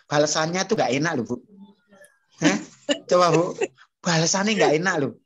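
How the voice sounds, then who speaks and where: A man's voice: on the high side, lively intonation, moderate pace, breathy edge. Earnest pastor, man, coaxing tone. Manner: earnest, coaxing, often tags his points with a friendly address; emphatic, voice rising on key points. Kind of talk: Bible study conversation.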